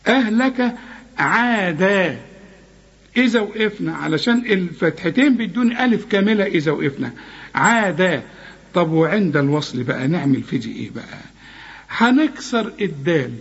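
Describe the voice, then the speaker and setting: A man with an Egyptian accent teaching Quran recitation one to one. He corrects his student, recites words slowly to show each rule, and asks and answers his own questions. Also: high-pitched, lively intonation, slightly rough, highs cut off. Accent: Egyptian Arabic.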